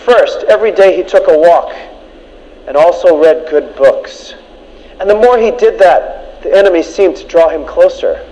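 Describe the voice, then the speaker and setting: A junior devil defensively explains his failure to his superior, as a male preacher reads him aloud. The voice is fairly high and comes through a muffled, lo-fi recording. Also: moderate pace, warm tone, big-room sound, close to an everyday voice. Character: junior male devil making a grim report. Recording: dull lo-fi recording.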